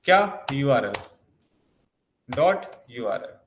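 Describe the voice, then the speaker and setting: A programming instructor gives a coding lesson in an echoey room with faint background noise. Speaking at medium pitch and a slow pace, he is very animated, explaining step by step and asking himself questions along the way.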